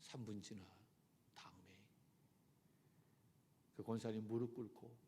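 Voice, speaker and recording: A male pastor telling a story in a sermon, dropping to hushed murmurs and then rising to shouts. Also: lowish voice, steady tone, measured pace, slight background noise. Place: church sanctuary. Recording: reverberant church sanctuary.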